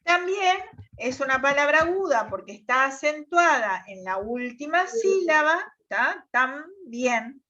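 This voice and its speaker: A woman's voice: sits high, big pitch swings, a little slow, pushed and bright. A woman teacher, patiently explaining over a video call and checking with "¿tá?". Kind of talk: online class explanation. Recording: dull lo-fi video call audio.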